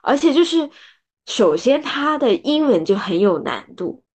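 Woman, casual chat, lively, laughs often. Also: high voice, a little slow. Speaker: podcast co-host; former translation student. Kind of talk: casual book-club chat.

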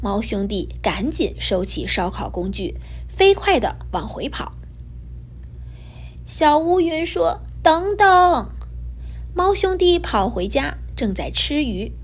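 A woman hosting a children's learning program, reading a picture book aloud with gentle expression. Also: medium pitch, very animated, unhurried, slightly rough. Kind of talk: storytelling for children.

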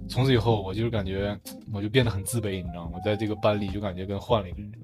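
A young man, co-hosting a podcast and telling a story in a casual, animated way with frequent laughs. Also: on the low side, rapid-fire, music in the background. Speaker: podcast co-host.

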